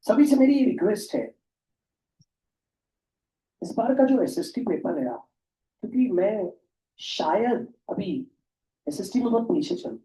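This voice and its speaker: Tutor guy explaining science, kinda mellow voice, roomy echo and a bit far off. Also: high-pitched, lively intonation, unhurried, pauses often. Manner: chatty, jokey teaching with mock dialogues; mixes Hindi and English. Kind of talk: classroom science lesson. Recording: echoey room, voice from a distance.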